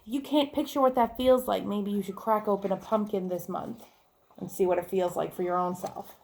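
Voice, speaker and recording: Brisk and steady, with a medium pitch and a somewhat dark tone, a woman reads a children's tale like a teacher would. She voices the characters' lines, poses questions to her audience and chats with them along the way, all delivered expressively and clearly.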